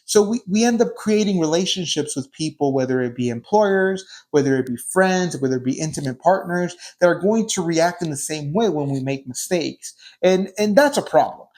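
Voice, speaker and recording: A man's voice: fairly high pitch, lively intonation, moderate pace, hardly any pauses, darkish tone. A man in his thirties hosting a solo motivational podcast, earnest and repetitive, firing off rhetorical questions to his listeners. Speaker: podcast host.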